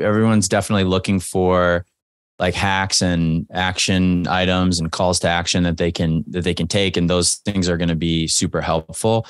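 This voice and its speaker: A man's voice: low-pitched, smooth, dry recording, studio quality. A young man co-hosting a podcast, talking in a casual, laid-back way on a headset. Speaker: podcast co-host. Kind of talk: podcast interview.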